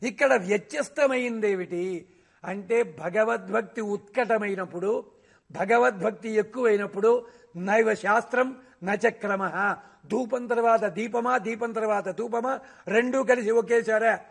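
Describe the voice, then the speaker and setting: A man giving a devotional discourse on scripture. He recites verses slowly and asks rhetorical questions that he then answers himself. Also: high voice, creaky, breathy edge. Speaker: religious discourse speaker.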